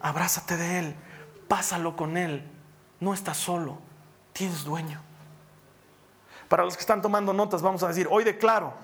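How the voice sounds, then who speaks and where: A high-pitched man with a Bolivian Spanish accent delivers a sermon from the pulpit. He swings between forceful, raised exhortation and soft, hushed stretches. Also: fairly even intonation, moderate pace, pauses often. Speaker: pastor.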